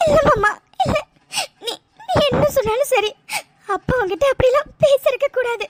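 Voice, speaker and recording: A woman's voice: very high-pitched, moderate pace, a bit bright, slight background noise. A woman voicing a tearful heartbroken young woman. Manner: tearful, pleading. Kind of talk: cartoon voice acting.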